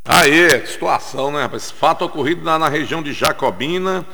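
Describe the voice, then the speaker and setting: A man's voice: a little high, fairly quick, vocal fry, bright, forceful tone, in a large hall, slight background noise. A man presenting local radio news in a chatty, colloquial way.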